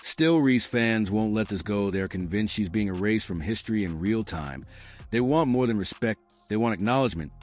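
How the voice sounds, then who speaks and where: Low, sarcastic male narrator. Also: expressive, normal speed, a little mellow, soft background music. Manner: sarcastic, theatrical. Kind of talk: scripted mocking commentary.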